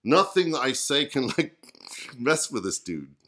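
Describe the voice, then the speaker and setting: A flustered young thug who can't believe his insults aren't working, as a man puts him on in a joke. He stumbles and restarts his sentences. The voice stays animated, with a wide swing in pitch. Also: a little slow. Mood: baffled. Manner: stammering, baffled.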